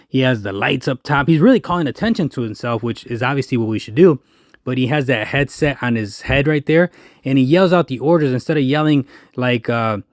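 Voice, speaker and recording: A man's voice: mid-range voice, no room sound, studio quality. A man casually talking through a walking tour of a food truck festival outdoors, pointing things out as he goes. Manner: chatty, points things out as he walks. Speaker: food truck owner and vlogger.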